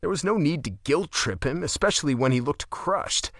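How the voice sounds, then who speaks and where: A man reading a first-person romance audiobook with expressive, wry delivery. His pitch moves freely and lively through the lines. The studio sound is dry and close. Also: normal speed, creaky, no echo. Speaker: audiobook narrator.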